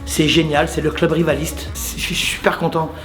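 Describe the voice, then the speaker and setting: The male host of a muay thai channel chats eagerly to the camera, speaking directly to viewers and going over the same points again. Even so, his fairly high, fairly bright voice comes across flat, at a normal speed. Faint music plays behind him in an echoey room.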